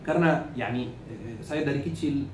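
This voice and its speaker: This Islamic preacher, a native Arabic speaker with an Arabic accent, speaks at a moderate pace in a mid-range male voice. His religious lecture is instructional, full of repeated phrases and questions to the audience that he answers on his own. A far-off microphone captures him in a noisy, echoing room.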